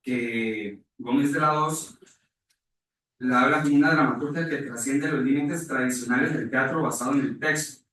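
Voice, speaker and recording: Hombre con acento costarricense, lectura pausada y formal de ponencia, tono medio, sala resonante. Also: male voice, medium pitch, a bit bright. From Costa Rica. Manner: formal, measured, corrects himself with "perdón". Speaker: conference speaker. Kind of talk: academic presentation, partly read aloud. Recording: echoey hall, voice far from mic.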